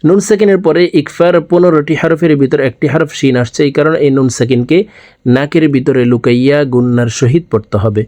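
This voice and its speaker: A man with a Bangladeshi Bengali accent teaching Quran recitation word by word, drawing out the recited words and then explaining the rules more briskly. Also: fairly high pitch, a little mellow, no echo. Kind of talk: slow recitation lesson.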